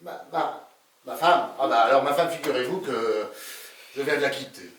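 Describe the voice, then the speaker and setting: A man's voice: mid-range voice, normal speed, fairly bright tone, close to an everyday voice. An actor playing a flirtatious, teasing middle-aged male cosmetic surgeon in a live stage comedy. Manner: playful, teasing, chuckles often. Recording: echoey stage from far off.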